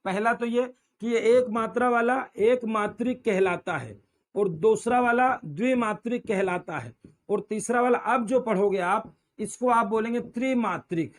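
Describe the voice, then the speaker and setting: A man's voice: high-pitched, moderate pace. A man teaching grammar in a classroom lecture, repeating words and quizzing his students. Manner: drills pronunciation by repeating words and asking the class.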